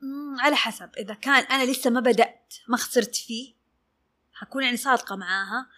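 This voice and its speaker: A woman, a fashion designer giving a lively interview and acting out her clients' words. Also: on the high side, fast talker. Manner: animated, acts out clients' words. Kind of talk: casual interview talk.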